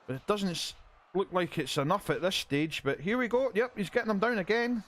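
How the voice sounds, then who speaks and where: A man giving excitable play-by-play commentary on a wrestling video game, often restarting his sentences. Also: high voice, a little fast.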